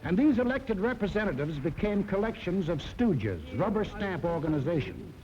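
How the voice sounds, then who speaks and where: An American man narrates a scripted 1940s propaganda film with emphatic drama, his high-sitting voice swinging widely in pitch at a normal speed. The documentary narration rides over a dull 1940s film soundtrack and loud music.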